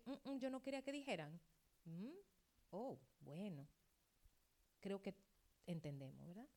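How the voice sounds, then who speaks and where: Dramatic woman pastor preaching a sermon. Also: lowish voice. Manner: dramatic, acts out quoted dialogue, wide swings between loud and hushed.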